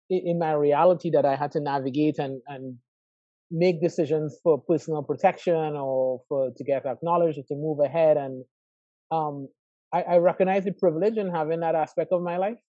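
A man's voice: fairly high pitch, dry recording, dull audio. A man in his forties from Trinidad and Tobago with a Trinidadian accent, a professor speaking as a guest in an interview, thoughtful and reflective, often asking "right?". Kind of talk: conversational interview over a call.

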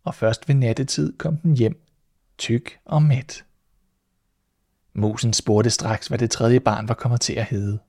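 A man reading a fairy tale aloud in a calm, measured storytelling voice as host of his podcast. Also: medium pitch, no room sound, studio quality.

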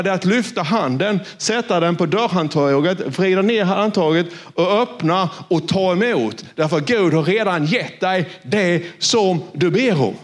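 A man preaching a sermon, retelling a Bible story with lively acted-out voices and asking his listeners direct questions. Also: high-pitched. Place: church or studio with screens.

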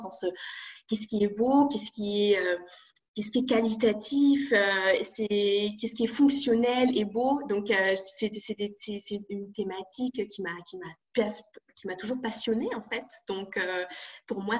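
A young woman from France, a guest in a casual interview, talking hesitantly with many fillers and restarts. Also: mid-range voice.

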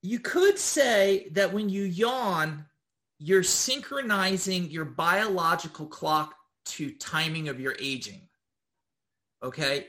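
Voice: mid-range voice, a bit bright. Rambling casual instructor, constant okay checks. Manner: rambling, with frequent tag questions of okay; loose and informal, with occasional swearing.

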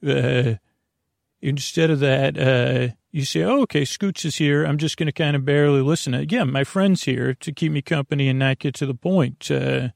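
A podcast host speaks at normal speed in a creaky, gravelly, mid-range voice, recorded at studio quality with no room sound. Addressing listeners at bedtime, he wanders through a hesitant, self-deprecating monologue that keeps slipping into digressions.

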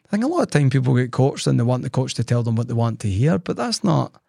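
Gravelly man in his forties. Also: mid-range voice, sing-song, quick pace, mellow, dry recording, clean studio sound. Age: 40s. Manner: storytelling, acts out quoted dialogue. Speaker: podcast co-host. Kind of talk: casual podcast chat.

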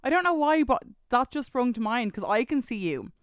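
A woman's voice: on the high side, expressive, fairly quick, clear, resonant tone, no echo, studio quality. A woman with an Irish accent interviewing someone in a chatty, encouraging, casual way.

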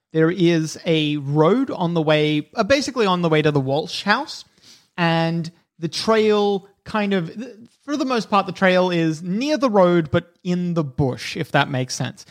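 A man voicing a plain-spoken townsman who gives long, helpful trail directions in a tabletop game. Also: high-pitched. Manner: chatty, helpful, describes routes at length. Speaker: non-player character.

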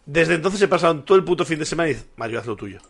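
A man's voice: on the high side, lively intonation, rapid-fire, vocal fry, slightly rough. A man, co-hosting a casual beer-tasting podcast, telling jokey stories and swearing freely. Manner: joking storyteller, swears freely. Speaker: podcast co-host.

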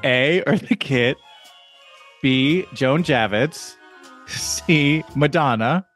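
A man's voice: mid-range voice, extremely slow, fairly bright tone, faint music behind. A man co-hosting a casual podcast, playfully reading quiz questions and laughing along. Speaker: podcast co-host. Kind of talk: casual chat.

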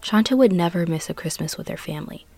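A woman hosting and narrating true crime from a script, in a serious, measured storytelling manner. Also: lowish voice, animated, gravelly, warm tone, soft background music.

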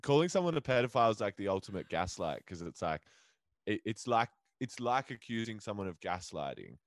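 Low-pitched man riffing casually. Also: big pitch swings, brisk, no room sound, clean studio sound. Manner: sweary, matey, riffing. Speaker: podcast co-host. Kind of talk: casual comedic chat.

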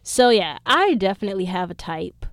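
A woman's voice: medium pitch, sing-song, moderate pace, dry recording, clean studio sound. A woman in her twenties hosting a podcast, telling a story in a casual, blunt and profane way. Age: 20s. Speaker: podcast host. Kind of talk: casual chat.

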